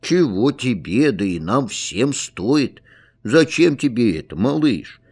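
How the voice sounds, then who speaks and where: A man's voice: mid-range voice, big pitch swings, slow pace, a little mellow, breathy edge, full character voice. A man voicing a worried father who coaxes and pleads with his sick little boy in a children's story. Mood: pleading. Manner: coaxing, pleading, exasperated.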